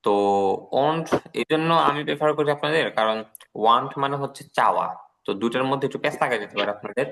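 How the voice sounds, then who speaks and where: A man's voice: medium pitch, quick pace, creaky, a bit bright. A man with a Bangladeshi Bengali accent teaching an English class, patiently repeating each word and translating it. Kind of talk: online class lecture.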